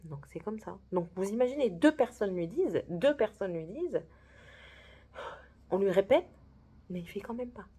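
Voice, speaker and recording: A young woman with a husky voice, telling a story about her coworker in a casual vlog, full of quoted dialogue. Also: mid-range voice, moderate pace, long pauses. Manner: animated, retelling a workplace story with quoted dialogue. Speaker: vlogger.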